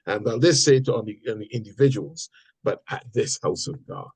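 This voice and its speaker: A man leading a church Bible study group, talking in a halting way with many fillers and repeated words. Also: on the low side, expressive, a little mellow, slightly rough, no room sound. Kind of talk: casual group discussion. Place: church meeting room.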